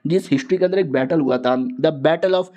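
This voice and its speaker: A man's voice: on the high side, moderate pace, warm tone. A man narrating a manga story in a casual, slangy way with joking asides.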